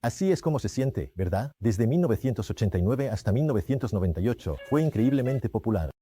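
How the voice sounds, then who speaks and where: A man in his fifties with a warm, mellow tone, telling stories in a relaxed way and pausing to correct himself. He is a show host who once played rugby, and soft music plays faintly behind him. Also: mid-range voice, breathy edge, no echo. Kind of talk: reminiscing in casual conversation.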